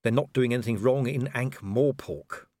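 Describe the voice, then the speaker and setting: A weary middle-aged watchman, dry and wry, talking low and tired, voiced by a male reader. The sound is close and dead. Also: normal speed, a little mellow, dry recording, lightly acted.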